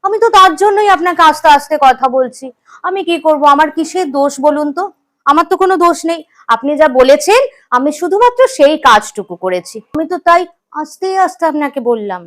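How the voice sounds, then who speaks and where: A cheeky young daughter-in-law, played by a woman in a comic family sketch. Her voice sits fairly high, and she argues her case with mock innocence. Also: animated, brisk. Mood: defensive. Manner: cheerful, then innocently defensive.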